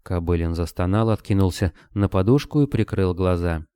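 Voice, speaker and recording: A man reading an audiobook as narrator in a steady, measured way. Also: low-pitched, clean tone, no room sound, clean studio sound. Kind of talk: scripted narration.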